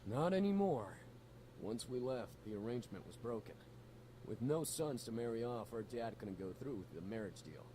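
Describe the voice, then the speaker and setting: A man's voice: medium pitch, big pitch swings, moderate pace, dark tone, slight background noise, lightly acted, rough recording. An actor voicing a young male demon noble in a game, blunt and swearing casually, full of guilt and rebellion. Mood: guilt-ridden. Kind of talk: game voice acting.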